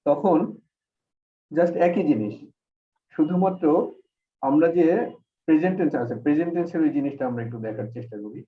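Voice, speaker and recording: A man's voice: a little high, brisk, long pauses. A man teaching an online Arabic grammar class, explaining patiently step by step. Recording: echoey, distant, phone-like call audio.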